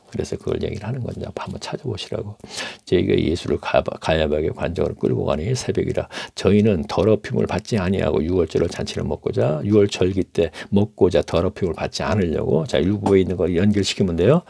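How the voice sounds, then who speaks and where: Low gravelly man teaching the Bible. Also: warm tone, dry recording. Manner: reads scripture aloud, then explains it in plain conversational asides. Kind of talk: Bible reading and lecture.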